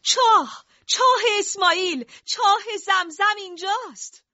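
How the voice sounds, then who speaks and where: A woman's voice: medium pitch, animated, fairly bright tone, no echo, lo-fi sound. Stubborn old clan chief, as a woman reads him. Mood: exultant.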